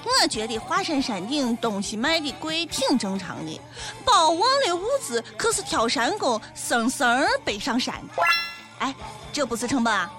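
A woman's voice: high-pitched, big pitch swings, normal speed, music in the background. A woman with a Shaanxi accent co-hosting a comedy show, giving scripted commentary in a sassy, emphatic way. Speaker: comedic co-host.

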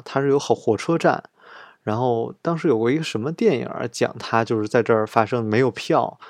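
A man recounts a trip in a loose, chatty monologue, voicing the lines he and others said. His mid-pitched voice carries a gravelly fry. The recording is dry and close, with no room sound. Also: darkish tone, no echo. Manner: chatty, retells scenes with quoted dialogue. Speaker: travel vlogger. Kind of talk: casual storytelling monologue.

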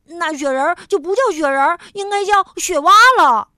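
A woman's voice: high-pitched, big pitch swings, normal speed, a bit bright, no room sound, clean studio sound. Woman doing an eager little rabbit. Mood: insistent. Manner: eager, insistent. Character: cheerful young rabbit, eager and bossy.

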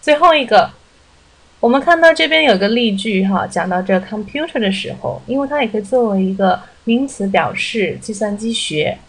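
A woman teaching vocabulary in a friendly, chatty way, slowly repeating words to show how they are said. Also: medium pitch, animated, breathy edge, rough recording. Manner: slowly repeats English words to stress the pronunciation. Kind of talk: vocabulary lesson podcast.

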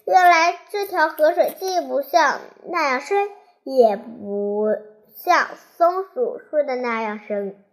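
Child storyteller, high voice, slow, halting, restarts, children's story. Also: lively intonation.

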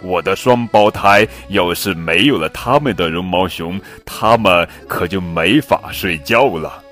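Brief: protective tiger dad, low and serious, storybook, voiced by a man. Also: a little slow, soft background music. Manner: hushing, then grave. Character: protective tiger parent of twins.

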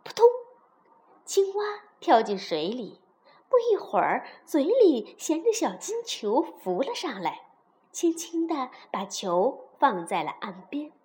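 A woman narrating a children's fairy tale, gentle and expressive. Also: high voice, slow. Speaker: storyteller.

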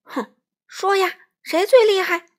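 A woman's voice: fairly high pitch, animated, moderate pace, a bit bright. A woman voicing a smug, bossy male wolf who bullies and threatens. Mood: bossy sneering. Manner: sneering, threatening.

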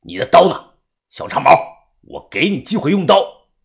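A man voicing a cold, menacing bald fighter who speaks low and clipped. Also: sing-song, moderate pace, vocal fry.

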